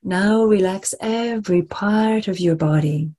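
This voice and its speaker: A woman leads a guided relaxation meditation in a soft, breathy, medium-pitched voice, soothing and deliberate, repeating phrases with long pauses.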